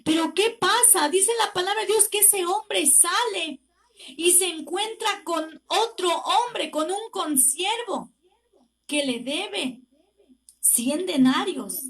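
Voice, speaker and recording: A woman's voice: very high voice, fairly bright tone. A woman preacher with a Mexican Spanish accent delivering a fervent sermon, often breaking in with words of praise. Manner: slow, deliberate delivery with emphatic pauses.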